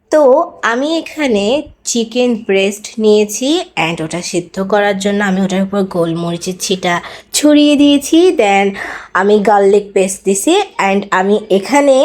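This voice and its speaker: A young woman, chatting quickly through a casual cooking vlog at home and mixing in English words. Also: mid-range voice, a little mellow. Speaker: cooking vlogger. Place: home kitchen.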